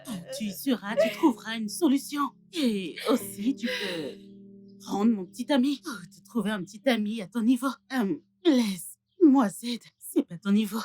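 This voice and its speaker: A woman's voice: a little high, expressive, normal speed, a little mellow, faint music behind, lightly acted. An actress dubbing a scheming, scornful young woman in a French-language film drama. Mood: contemptuous. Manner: scornful, needling. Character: scheming, contemptuous young woman, Zaid's girlfriend.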